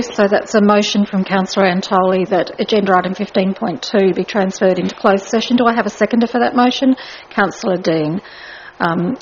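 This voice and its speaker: A woman, chairing a council meeting as mayor in a brisk, procedural way with light asides. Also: mid-range voice, slight background noise. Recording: dull lo-fi meeting recording.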